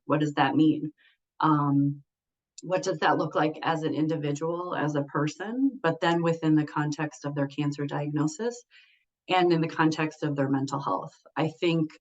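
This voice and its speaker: A woman mental health clinician answering a question on a panel in a thoughtful, earnest way. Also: low-pitched. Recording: muffled lo-fi recording.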